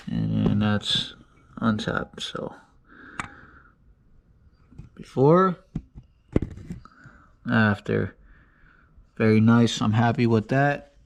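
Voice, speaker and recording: A man hosting a casual garage vlog about rebuilding an engine, talking in a flat, self-described monotone. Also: fairly low pitch, very slow, vocal fry, pauses often, a little hiss or hum. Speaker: car build vlogger.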